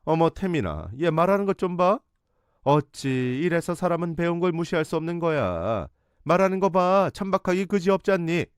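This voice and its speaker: A man's voice: a little high, fast talker, clear, resonant tone, dry recording, clean studio sound, pitched above the performer's own voice, natural voice. A man voicing a domineering middle-aged mother who scolds imperiously. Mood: shrill scorn.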